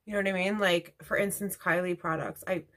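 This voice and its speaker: A woman's voice: on the low side, fairly even intonation, brisk, fairly bright tone. A woman beauty vlogger chatting casually at home while doing her makeup, rambling into asides. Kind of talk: casual get-ready-with-me chat.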